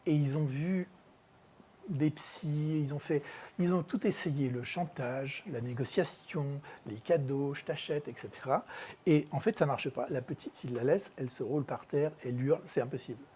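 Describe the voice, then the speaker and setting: An EFT practitioner and trainer speaking in a workshop, relaxed and full of pauses, recounting a case and acting out dialogue with a child. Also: medium pitch, slight background noise. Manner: storytelling, acts out dialogue with a child; relaxed, many fillers and pauses. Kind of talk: workshop talk with an anecdote.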